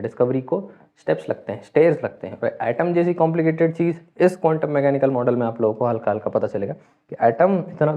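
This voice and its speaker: Man, chemistry lecture, asks and answers himself, mid pitch, tinny phone-like audio. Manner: explains step by step, asks and answers own questions; mixes English terms into speech. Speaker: chemistry teacher. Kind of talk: classroom lecture.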